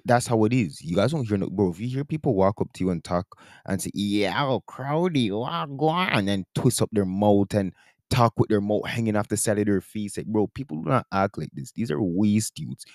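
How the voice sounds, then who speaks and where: A man's voice: low-pitched, darkish tone, dry recording, studio quality. A man with a Caribbean-influenced Toronto accent, giving casual, opinionated commentary in emphatic, repetitive slang. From Toronto, Canada. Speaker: commentary video host.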